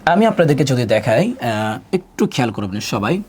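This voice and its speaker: A man's voice: mid-range voice, big pitch swings, darkish tone, a little hiss or hum. A man teaching a live online Quran class, patiently repeating each rule and asking his students questions that he answers himself. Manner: slows to spell out letters and vowel marks.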